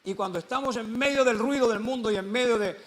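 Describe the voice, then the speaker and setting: A man's voice: very high-pitched, quick pace, a bit bright. A man with a Spanish accent, a pastor preaching a sermon, telling stories in a conversational way with repetitions and rising emphatic peaks. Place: church.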